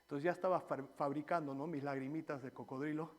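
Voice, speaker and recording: A man preaching a sermon in church, swinging between loud exhortation and quiet personal stories. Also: on the high side, fairly even intonation, fast talker. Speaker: pastor.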